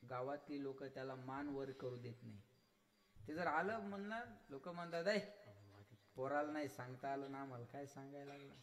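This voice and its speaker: A man with a rural Vidarbha Marathi accent delivering a devotional kirtan sermon, telling stories, acting out voices and urging his listeners. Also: on the high side. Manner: animated storytelling, acts out voices, exhorts audience. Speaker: kirtan preacher.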